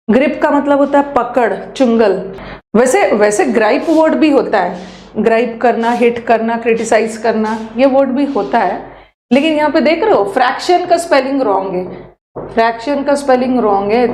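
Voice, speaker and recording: A woman teacher, leading a live online class and briskly spelling out words letter by letter. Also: on the high side, a little mellow. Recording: echoey room with faint hum.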